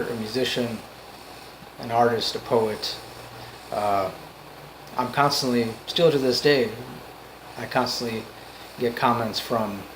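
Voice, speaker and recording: A man giving an off-the-cuff motivational monologue, earnest and emphatic, in halting phrases that repeat for emphasis. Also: medium pitch, a little hiss or hum, low-quality recording. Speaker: amateur motivational speaker.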